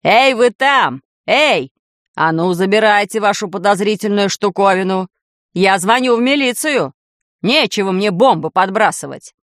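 A woman's voice: fairly low pitch, slow pace, dry recording, studio quality. Woman doing a blustering cowardly director. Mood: outraged. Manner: panicky shouting, mock-cheerful sarcasm. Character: blustering cowardly middle-aged man, company director.

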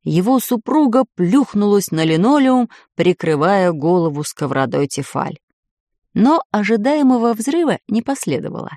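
Expressive woman reading a story aloud. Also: mid-range voice, no echo, studio quality. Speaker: audiobook reader. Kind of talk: scripted narration.

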